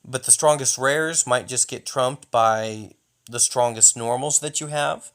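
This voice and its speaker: A young man talks over replays of his own matches in a casual, rambling way. He jokes, hypes up his listener and slips into mock taunts aimed at a pretend opponent. His voice sits at an ordinary middle pitch for a man. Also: a little slow, fairly bright tone. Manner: jokey, hyped-up, mock-taunting. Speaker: gaming YouTuber.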